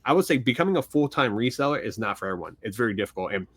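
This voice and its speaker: A man with a Philadelphia accent co-hosting a relaxed podcast chat. His voice sits at an ordinary middle pitch. He rambles, restarts his sentences and laughs along as he talks. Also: very fast, husky. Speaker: podcast co-host. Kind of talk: casual chat.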